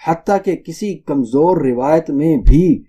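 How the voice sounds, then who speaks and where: A man gives an Islamic sermon lecture to listeners, teaching in an emphatic, didactic way and repeating points for stress. His voice is on the high side, warm and husky.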